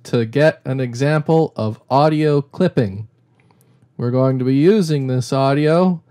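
A man reading a slow, deliberate test line, recorded with the gain set so high that the audio clips and distorts with a rattling crunch. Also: a little mellow. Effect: clipped, distorted recording with a rattling crunch. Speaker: audio tutorial host.

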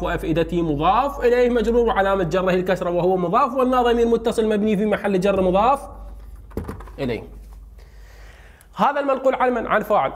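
Male teacher, Iraqi Arabic accent, high voice, brisk question-and-answer lesson delivery. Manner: quizzes students with quick questions and answers himself. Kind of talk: recorded grammar lesson.

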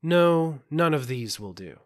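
A man's voice: fairly high pitch, lively intonation, slow pace, dry recording, clean studio sound, voice pushed up. A man voicing a steadfast young knight in an audiobook fairy tale, polite but firm.

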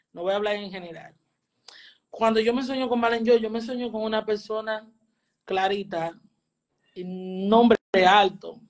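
A woman, a spiritual teacher telling a personal testimony and earnestly repeating phrases for emphasis. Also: medium pitch.

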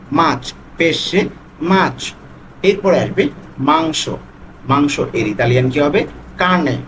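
A man with a slightly higher voice teaches words one by one, saying each term and then repeating it slowly and patiently. A faint hiss sits under the recording. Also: fairly bright tone, rough recording. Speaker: language tutor. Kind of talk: vocabulary lesson.

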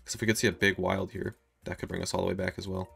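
A young man in his twenties gives casual gambling commentary in a low, creaky voice. He talks quickly, with music playing behind him. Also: flat delivery, fairly bright tone. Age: 20s. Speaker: slot streamer.

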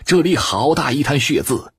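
A man's voice: a little high, lively intonation, normal speed, fairly bright tone, slightly rough, no room sound, clean studio sound, voice pushed up, exaggerated voice. A man doing a sneering wandering monk. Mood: scornful. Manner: sneering, with cold laughter.

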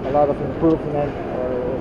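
A man in his thirties filming a casual walking vlog in a large indoor mall, narrating in a rambling, slightly halting way into a handheld camera. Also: mid-range voice, little pitch movement, heavy background noise. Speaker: vlogger. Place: large indoor shopping mall, nearly empty. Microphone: action camera held at arm's length. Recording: muffled camera audio with loud mall ambience.

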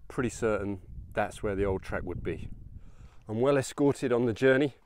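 A thirties-aged man with a fairly low, darkish voice talks at normal speed, casually hosting a history hiking vlog with wry asides. He's out on a hiking trail in open countryside, with outdoor noise and open-air ambience in the recording.

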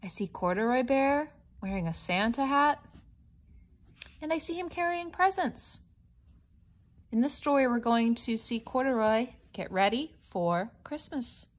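Reading a picture book aloud to young children, a woman explains things simply, like a teacher, stretching words expressively. Her pitch is fairly high and her pace measured as she presents the storybook.

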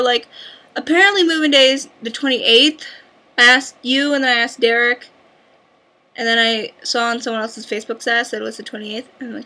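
A young woman chatting casually on her vlog, bubbly and full of filler words. Her voice sits high and bright. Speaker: vlogger. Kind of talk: casual chat.

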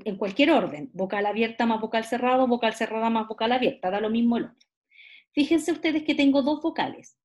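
Woman teacher, slow explaining. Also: on the high side, a little mellow. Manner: explains slowly, stretches example words, asks rhetorical checks. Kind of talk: classroom lecture.

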